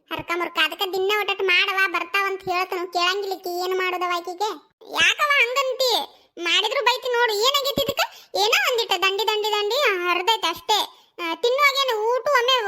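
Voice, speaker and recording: A woman's voice: extremely high pitch, sharp tone. A woman voicing bickering village women in a cartoon family, with a North Karnataka accent. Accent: North Karnataka Kannada. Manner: scolding, teasing banter.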